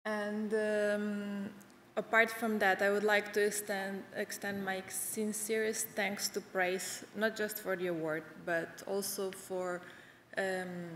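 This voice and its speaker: A woman's voice: medium pitch, flat delivery, slow, a bit bright, a little hiss or hum. A woman in her thirties giving a conference keynote from a stage, talking with many hesitations and restarts. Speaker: award-winning researcher giving keynote. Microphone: podium microphones. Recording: echoey hall with long reverb.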